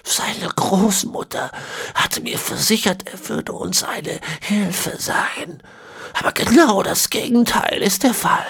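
Spiteful 101-year-old man, cackling, whispery, high, slow, audiobook. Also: gravelly, fairly bright tone, husky, full character voice. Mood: scheming.

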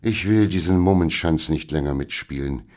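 A man's voice: rumbling low, moderate pace, darkish tone. A man voicing an indignant, grumbling treasurer, in a storybook reading. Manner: incredulous, grumbling. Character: grumbling middle-aged male treasurer, indignant.

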